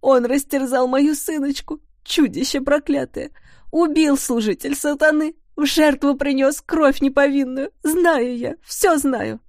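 A woman's voice: high-pitched, fairly even intonation, normal speed, few pauses, mellow, no room sound, pitched above the performer's own voice. A woman narrator voicing a grief-crazed mother who wails and hurls accusations in a dry studio recording. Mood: accusing. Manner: wailing, shrieking accusations.

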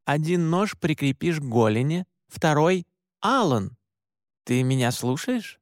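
A stern young hunter gives short, terse instructions in a plain, slightly higher male voice, as a man voices him in an audiobook. He is no-nonsense and to the point. The sound is dry and close. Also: animated, a little slow, no room sound.

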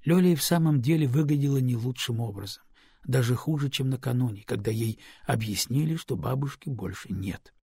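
Husky male audiobook narrator. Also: medium pitch, a little fast, dark tone, dry recording, clean studio sound. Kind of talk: scripted narration.

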